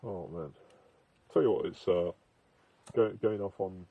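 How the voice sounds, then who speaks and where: A young man chatting casually as a podcast co-host, halting and repeating himself, with some swearing. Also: deep voice, narrow, tinny audio, a little hiss or hum. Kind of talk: casual rambling chat. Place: outdoors in a field.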